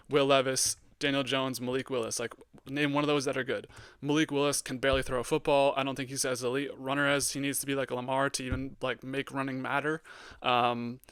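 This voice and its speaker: A young man hosting a solo sports podcast, giving blunt hot takes with lots of ums and getting excitable. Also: medium pitch, clear, resonant tone, dry recording. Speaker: podcast host.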